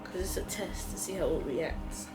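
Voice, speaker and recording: A woman's voice: fairly low pitch, moderate pace. A woman speaking informally as a co-host in a casual conversation. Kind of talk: casual chat. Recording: music playing behind. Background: music.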